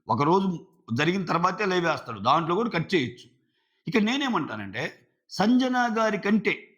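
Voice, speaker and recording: A man's voice: high voice, a bit bright, muffled recording. A man giving solo commentary on a reality show, explaining his view emphatically and repeating points for stress. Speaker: show reviewer.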